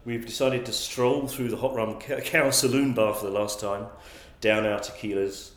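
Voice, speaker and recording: In a roomy, echoey recording, a male magazine publisher from England answers interview questions as a guest. His voice is lowish with fairly even intonation and a moderate pace, and he's thoughtful, often restarting sentences and repeating words.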